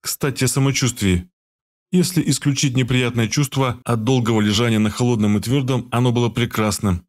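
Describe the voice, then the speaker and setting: A man narrating a first-person audiobook in a steady, even storytelling voice. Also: mid-range voice, brisk.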